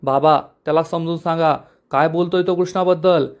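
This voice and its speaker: A man's voice: fairly high pitch, fairly even intonation, brisk, highs cut off, lightly acted. A man doing a stern angry young husband. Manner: stern, scolding. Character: angry young husband standing up for his wife.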